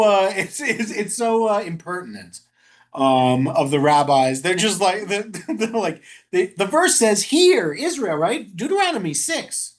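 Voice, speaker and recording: Guy teaching talmud at the synagogue, kinda high voice that bounces all over, loose and chatty, laughs at the rabbis. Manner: lively, chatty, laughs at the text, stumbles over Aramaic words. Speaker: rabbi leading a Talmud study group. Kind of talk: informal teaching. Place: synagogue study room.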